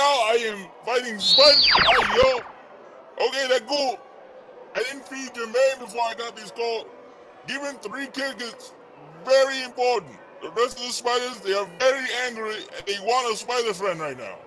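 A man plays a jittery, offbeat spy contact on the phone, talking in urgent rambles. His voice sits very high, with faint noise behind it. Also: normal speed, fairly bright tone. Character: jittery male spy contact, excitable and odd.

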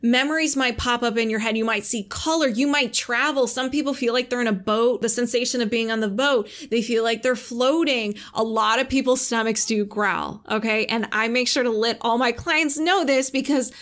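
A woman's voice: on the high side, moderate pace, hardly any pauses, a bit bright. A woman hosting a podcast and explaining her work as a Reiki practitioner in a casual, chatty way, acting out quoted voices and laughing easily.

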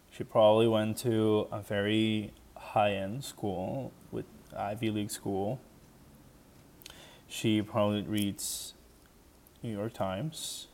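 A man hosting a commentary video, speaking slowly and deliberately. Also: fairly low pitch, a little mellow. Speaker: host.

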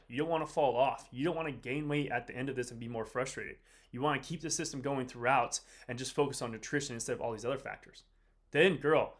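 A man with a medium-pitched, slightly bright voice hosts a casual motivational fitness podcast, sounding sick and drained. A fitness coach by trade, he speaks directly to a live audience in a slangy, repetitive, rambling way.

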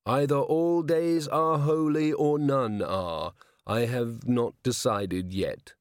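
A man voicing a literal-minded male clay golem constable who speaks in slow, measured, deliberate phrases. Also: medium pitch, fairly even intonation, smooth, dry recording, clean studio sound, lightly acted. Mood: earnest.

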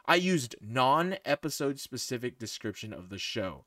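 A man hosting a casual podcast with friends, telling a story in animated, mock-exasperated bursts. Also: medium pitch, moderate pace, no room sound, studio quality. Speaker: podcast host. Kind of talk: casual chat among friends.

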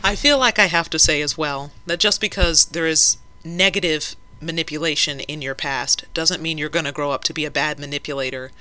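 Brief: bright, clear-toned co-host with a joking, conversational podcast manner. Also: mid-range voice, steady tone, fairly quick, hardly any pauses. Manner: playful, joking, thinks aloud.

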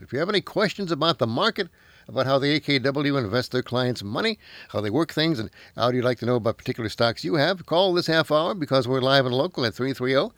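A man with a medium-pitched voice hosts a financial radio programme. The sound is dry, with hardly any room. He moves between announcer-style delivery and conversational interview questions. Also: fairly bright tone, dry recording. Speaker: host of a live financial radio show.

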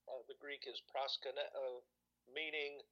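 A man telling stories in casual conversation, often pausing and searching for words. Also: mid-range voice, little pitch movement, muffled recording. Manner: rambling, hesitant, searches for words. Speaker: guest recalling church experiences.

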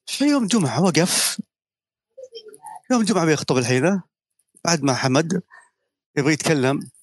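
A man's voice: a little high, lively intonation, moderate pace, slightly rough. A middle-aged man speaks as a guest media professional in a talk on an audio chat room. He lectures persuasively and tells anecdotes.

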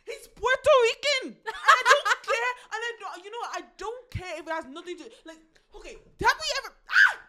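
A young woman rants in casual podcast chat, swearing and laughing as she goes. Her voice sits high and swings widely in pitch. Its tone is bright and sharp. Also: very animated. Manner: ranting, swearing, fast and laughing. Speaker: podcast co-host.

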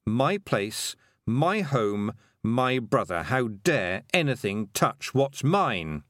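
A man voicing a sharp-minded, determined young girl. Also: mid-range voice, sing-song, slow, no room sound, studio quality. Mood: earnest.

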